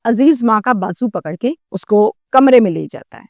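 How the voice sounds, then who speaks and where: A woman's voice: fairly high pitch, animated, a little mellow, no echo, studio quality. A woman presenting a crime news story in a dramatic storytelling way, acting out the quoted lines.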